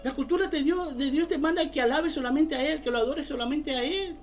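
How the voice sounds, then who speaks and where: A woman's voice: high voice, fairly quick, soft background music. A woman preaching a fervent sermon, often calling her listeners brother.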